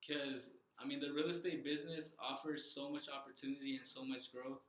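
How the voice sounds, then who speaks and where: A man's voice: mid-range voice, little pitch movement, a little fast, a bit bright, reverberant, rough recording. A young man from Southern California being interviewed as a loan officer, earnest and thoughtful, with frequent fillers and restarts. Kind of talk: casual interview.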